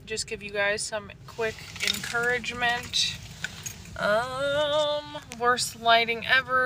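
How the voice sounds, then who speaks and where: A woman vlogging from inside her parked truck in casual, rambling, slangy chat, with faint ambient noise behind her. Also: on the high side.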